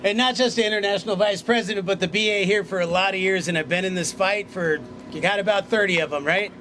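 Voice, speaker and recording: Earnest union vice president outdoors. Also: male voice, high voice, fast talker, bright, forceful tone, slight background noise. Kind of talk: rally speech. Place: outdoors by hotels and convention center.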